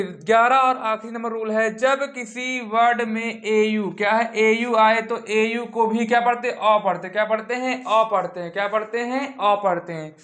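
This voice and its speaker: A man teaching English reading rules at a whiteboard, asking questions and repeating each word slowly for the class. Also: high voice, fairly bright tone. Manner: drills with call-and-response questions, repeats words slowly. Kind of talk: whiteboard phonics lesson.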